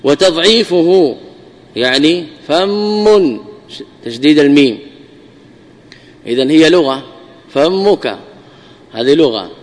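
A man's voice: on the high side, expressive, slow, long pauses, in a large hall. A man giving a classical grammar lesson, often repeating key words and answering his own questions. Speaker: Islamic scholar teaching Arabic grammar.

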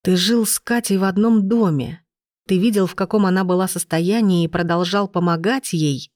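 Brief: woman reading a cold, brutal man, low and threatening, dry and close. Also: fairly even intonation, normal speed, a little mellow, no echo, natural voice. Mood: furious.

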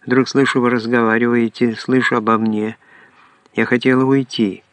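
A man's voice: medium pitch, flat delivery, moderate pace, no room sound, natural voice. A man reading an audiobook voices a young woman who is hurt and indignant, raising his voice a little for her.

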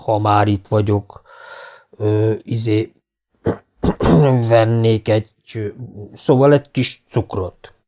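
A man's voice: lowish voice, flat delivery, darkish tone, natural voice. A man voicing a shy, elderly farmer who stammers and hesitates with every word. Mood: bashful, flustered. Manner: halting, full of hesitations.

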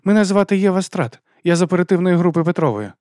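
A man voicing a brisk official woman with a slight European accent. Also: high-pitched, expressive, a little mellow, no echo, clean studio sound, voice pushed up. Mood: businesslike.

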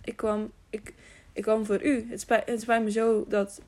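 A woman's voice: medium pitch, steady tone, a little fast, creaky. A woman reading as an earnest, stammering young man. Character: young male squire-to-be, earnest and frightened.

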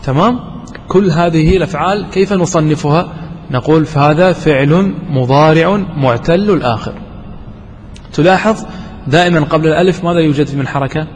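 A man with a somewhat high voice leads a grammar lesson, quizzing his students and going back over each example slowly and deliberately. His voice carries a long hall reverb, with faint background noise underneath. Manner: asks questions, repeats examples slowly. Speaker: teacher.

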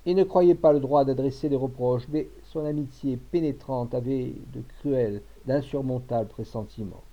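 Mellow-voiced man reading a classic tale. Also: mid-range voice. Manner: measured, expressive storytelling. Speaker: narrator. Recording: dull lo-fi recording.

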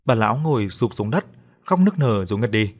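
A man's voice: lowish voice, big pitch swings, fairly quick. Man narrating a story steadily. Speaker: audiobook narrator. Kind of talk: scripted storytelling.

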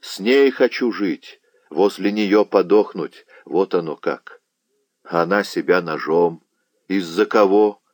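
A man's voice: deep voice, takes it slowly, a little mellow, no room sound. A man voicing a fierce, lovesick Cossack chieftain in an audiobook, speaking with passion and anguish.

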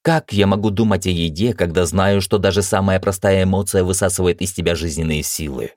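A man's voice: sits low, steady tone, brisk, darkish tone, dry recording, studio quality, pitched above the performer's own voice, lightly acted. A man voicing an anxious, tender young female mage who pleads emotionally in a raised voice. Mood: indignant.

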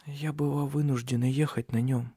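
A man's voice: a little high, normal speed, darkish tone, dry recording, studio quality, voice pushed up. A man doing a frail, tearful young noblewoman. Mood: weak, whispering. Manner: faint, breathy, pleading. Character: young noblewoman, injured and grieving, fragile.

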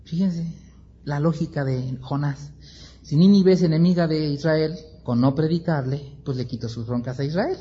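Animated teacher, husky voice. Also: male voice, a little high, normal speed, highs cut off. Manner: animated storytelling, acts out voices, rhetorical questions. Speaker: Bible class teacher. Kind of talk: Bible class teaching.

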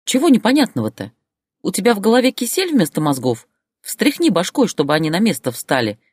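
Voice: medium pitch, wildly swooping pitch, fairly quick, slightly rough, pitched above the performer's own voice. A storyteller voicing a fed-up wife who answers with mocking, biting retorts, in an audiobook character voice. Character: fed-up wife, adult woman, turning sharp-tongued.

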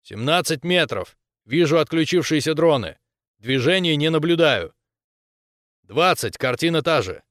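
A man voicing a brave, joking male space corporal who gives calm radio reports. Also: a little high, a little slow, dry recording, clean studio sound.

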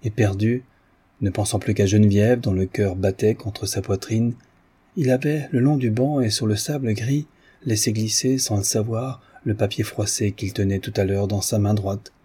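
A man narrating a classic novel as an audiobook, reading in a measured, expressive way. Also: fairly low pitch, slightly rough.

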